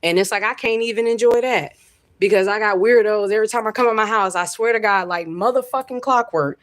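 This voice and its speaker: A woman's voice: mid-range voice, a little fast. A woman from Florida, ranting casually and profanely on a home livestream, rambling and talking straight to her chat. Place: at home by a window.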